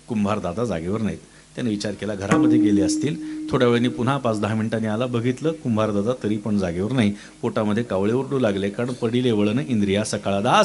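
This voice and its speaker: A middle-aged man preaching a storytelling sermon in Marathi style, acting out each character's lines with sudden jumps in pitch and clearing his throat now and then. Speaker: kirtan preacher.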